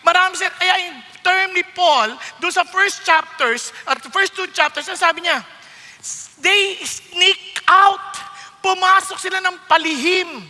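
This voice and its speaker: A man's voice: very high-pitched, moderate pace, few pauses, sharp tone. A man with a Filipino accent preaching a sermon, emphatic and full of rhetorical questions to his congregation, switching between English and Tagalog. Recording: long reverb of a large hall.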